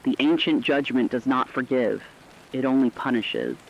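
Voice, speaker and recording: In a scripted dramatic radio news narration, a man plays a solemn field reporter warning of terror, reading horror bulletins in a measured, foreboding way. His voice is mid-range with vocal fry. The sound is dull lo-fi radio, with rain in the background.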